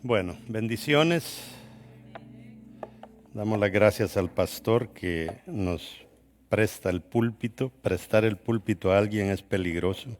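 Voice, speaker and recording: A man's voice: lowish voice, darkish tone. A middle-aged man from El Salvador, a guest pastor telling his life story in a sermon with a conversational manner and frequent restarts. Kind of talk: sermon testimony.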